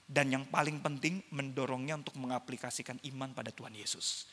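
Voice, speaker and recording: A male evangelist giving a parenting seminar sermon, telling stories in a lively way and often calling the audience "saudara". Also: medium pitch, fairly quick, long reverb tail. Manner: animated storytelling, addresses audience as "saudara". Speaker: evangelist speaker. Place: church seminar hall.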